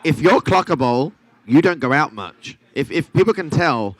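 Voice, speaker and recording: A man's voice: a little high, lively intonation, moderate pace, no room sound, poor audio. A man on a podcast panel, speaking in a sassy, teasing manner that turns earnest on serious points. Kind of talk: casual group chat.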